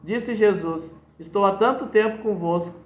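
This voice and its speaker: A man's voice: high voice, moderate pace, roomy sound, dull audio, slight background noise. A male pastor, preaching emphatically and quoting scripture verse by verse. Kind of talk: sermon.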